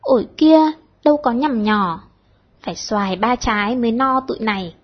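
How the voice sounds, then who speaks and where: A woman's voice: fairly high pitch, expressive, normal speed, breathy edge, muffled recording. A woman reading a shy, flustered teenage boy poet. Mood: bashful. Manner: hesitant, bashful, stammering.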